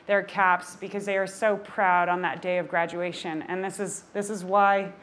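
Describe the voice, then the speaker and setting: A woman who founded a nonprofit, giving a passionate, energetic talk on stage while presenting slides. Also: on the low side, moderate pace, a little hiss or hum.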